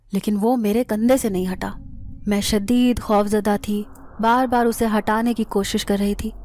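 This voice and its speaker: Woman storyteller, scripted horror narration, warm mellow voice, steady dramatic telling. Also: mid-range voice.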